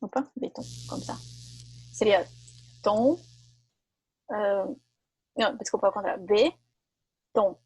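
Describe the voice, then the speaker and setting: Woman, French teacher, husky voice, dry close sound. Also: medium pitch, slow, long pauses, darkish tone, no room sound. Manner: explains in Portuguese with French examples, corrects herself. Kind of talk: online language lesson.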